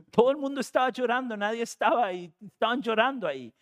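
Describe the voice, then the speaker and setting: A male preacher with a notably high voice tells a personal story from the pulpit. He talks in a relaxed, chatty way and acts out the lines of the people in his tale. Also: quick pace. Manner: conversational, animated storytelling with laughs and quoted voices. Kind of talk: sermon storytelling.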